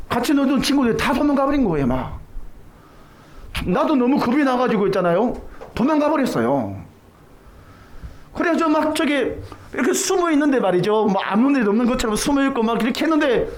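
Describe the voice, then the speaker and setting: A middle-aged man from Korea preaching a sermon, telling a childhood story and acting out the voices in it. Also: extremely high pitch. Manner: animated storytelling, acts out quoted voices. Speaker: pastor.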